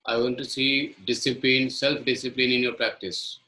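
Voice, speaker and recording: A middle-aged Indian man leads a live yoga class online, switching between Hindi and English as he coaches students by name. His voice is bright and his pace unhurried. The sound is echoey, as if in a bare room. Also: medium pitch, little pitch movement. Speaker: yoga teacher.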